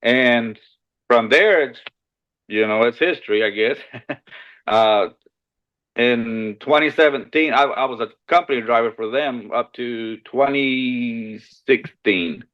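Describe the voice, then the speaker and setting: A man from Costa Rica, a guest on a podcast, telling his story in a relaxed, friendly way with short answers and small restarts. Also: medium pitch, slow, highs cut off. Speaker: shed hauling business owner, podcast guest. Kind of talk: casual interview chat.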